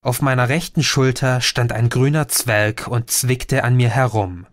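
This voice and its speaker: Male audiobook narrator, unhurried first-person storytelling, dry booth sound. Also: medium pitch, steady tone, no room sound. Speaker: audiobook reader. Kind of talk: scripted narration.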